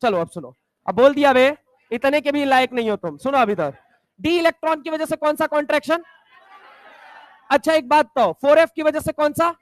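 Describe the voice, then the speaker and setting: A man teaching chemistry to a class, bantering and teasing students and drilling mnemonics slowly, sometimes shouting key points. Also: very high-pitched, no room sound, a faint crowd. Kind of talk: classroom lecture with call-and-response.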